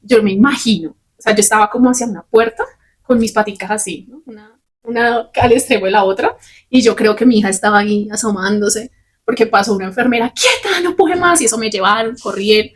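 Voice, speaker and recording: A woman's voice: medium pitch, slightly rough. A young adult woman, a podcast host telling a personal story candidly and with animation. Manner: candid, fast and animated, swears casually.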